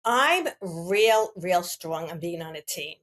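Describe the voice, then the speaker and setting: A woman's voice: fairly low pitch, takes it slowly. A middle-aged woman, a real estate agent and guest, telling stories in a casual interview and acting out the dialogue in them. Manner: animated, acts out quoted dialogue.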